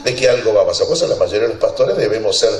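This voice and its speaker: A man's voice: lowish voice, animated, very fast, a little mellow. A man preaching a sermon as a pastor, telling a funny story with lots of laughter and acted-out voices. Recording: roomy church hall, distant mic, congregation audible.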